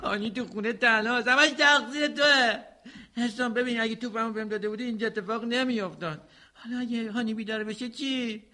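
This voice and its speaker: Man doing an anxious little boy, high-pitched, bright, pleading, cartoon. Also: fairly even intonation, exaggerated voice. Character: young boy, anxious big brother.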